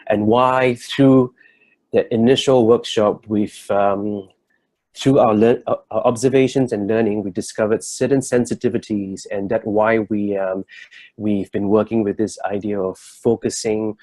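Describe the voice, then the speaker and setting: Mellow-voiced man, earnest talk. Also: fairly low pitch, fairly even intonation, unhurried. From Singapore. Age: 30s. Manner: earnest, thoughtful, searching for words. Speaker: workshop co-presenter. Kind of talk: reflective personal talk.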